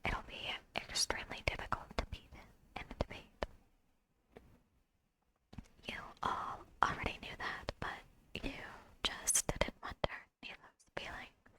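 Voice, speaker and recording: Whispering breathily right up against the microphone, a woman gently and deliberately reads out lines of video game dialogue, ASMR style.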